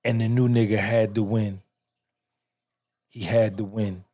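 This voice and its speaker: A man's voice: lowish voice, little pitch movement, measured pace, warm tone. A middle-aged man hosting a podcast, giving an emphatic, swaggering motivational monologue full of repetition and cursing. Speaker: podcast host.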